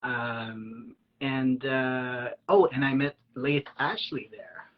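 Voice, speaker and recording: A native French speaker with a French Canadian accent, an aspiring actor appearing as a guest, tells personal stories in a casual chat, animatedly acting out the lines he quotes and using plenty of fillers. His medium-pitched voice moves at a slow pace, and the audio sounds dull.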